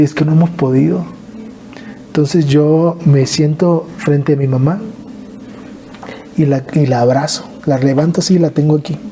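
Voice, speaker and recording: Northern Mexican man, earnest halting storyteller, warm dark voice, faint noise behind. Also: fairly high pitch. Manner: earnest, halting, with repeated restarts. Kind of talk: emotional personal storytelling.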